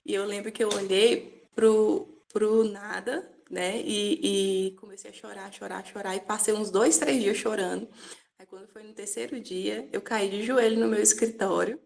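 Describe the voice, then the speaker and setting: A woman's voice: medium pitch, steady tone, normal speed, creaky, a little mellow. A woman with a Brazilian Portuguese accent giving an earnest, conversational personal testimony, often asking "né?" and "sabe?".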